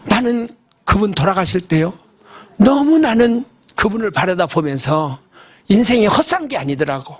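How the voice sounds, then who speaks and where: An older male pastor preaches in a church service, telling a story in a folksy, emphatic way. His voice is high for a man and rises and falls in wide, animated swings, with a husky edge. He keeps turning to the congregation with questions. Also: moderate pace. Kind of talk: sermon storytelling.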